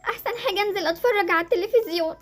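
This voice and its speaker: A woman's voice: very high voice, racing, a bit bright, faint music behind. A woman voicing a frightened young girl who sees a ghost, with an Egyptian accent, pleading and screaming. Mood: frightened whisper. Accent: Egyptian Arabic. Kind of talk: Roblox story voice acting.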